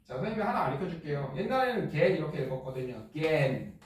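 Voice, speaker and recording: Joking teacher in an echoey classroom. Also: male voice, on the high side, big pitch swings, distant mic, a little hiss or hum. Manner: joking, blunt, quizzes students with quick questions. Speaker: middle school science teacher. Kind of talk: classroom lecture.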